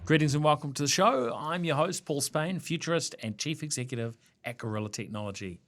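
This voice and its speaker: A man's voice: on the high side, a little fast, fairly bright tone. A man with a New Zealand accent hosting a business podcast, friendly and loose, with many fillers and restarts. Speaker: podcast host. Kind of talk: podcast interview.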